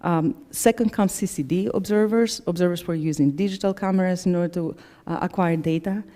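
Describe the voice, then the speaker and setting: Delivering the annual report as executive director, a middle-aged woman from Greece speaks to members in a warm, somewhat low voice. Greek is her first language, and she pauses with frequent fillers and corrects herself as she goes.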